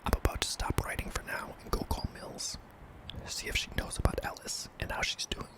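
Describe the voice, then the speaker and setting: A man narrating a scary story in a hushed, breathy ASMR whisper, deliberate and broken into short phrases. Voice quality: breathy, mostly unvoiced whisper with some creak.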